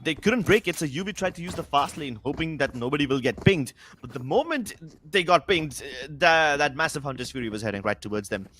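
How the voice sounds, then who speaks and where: Higher-voiced man esports caster, theatrical and emphatic. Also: expressive, brisk, few pauses, fairly bright tone, slight background noise. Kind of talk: live esports colour commentary and analysis.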